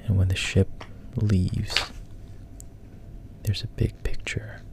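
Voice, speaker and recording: This man's low, flat voice is gravelly and breathy as he casually tells a story again. He speaks in a hushed, faltering way, often dropping to a whisper.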